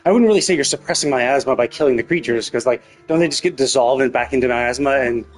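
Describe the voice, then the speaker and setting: A game livestreamer with a mid-range voice talks fast, offering casual, speculative commentary as he plays and often checking himself with "right?" Game music plays in the background.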